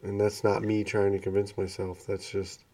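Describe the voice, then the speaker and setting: A man with a low, mellow voice talks candidly in a laid-back casual chat. He sits a little back from the mic in a dry space. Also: monotone, normal speed, dry recording, far from the mic.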